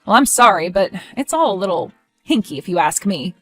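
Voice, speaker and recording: A woman plays a grown daughter in a story drama. She is skeptical and sharp-tongued, speaking in an expressive, conversational way at a middle pitch. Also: brisk, faint music behind. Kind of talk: scripted story dialogue.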